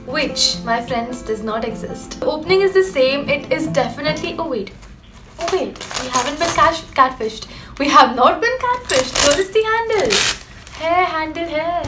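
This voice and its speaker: High-voiced young Indian woman vlogging. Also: roomy sound. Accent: Indian English. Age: young adult. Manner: chatty and expressive, mixing in Hindi phrases. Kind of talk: casual product haul review. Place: bedroom with striped wall.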